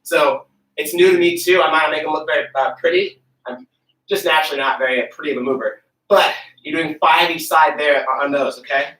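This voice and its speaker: Fairly quick and forceful, this young man's bright, higher-pitched voice guides viewers through a live online workout. He's breathless while demonstrating and explaining each move, keeping things upbeat and casual. The audio is echoey and picked up from far away.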